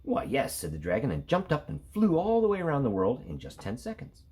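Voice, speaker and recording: Male teacher reading a kids story, bit raspy, super expressive up and down. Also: mid-range voice, brisk. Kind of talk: expressive children's storybook narration.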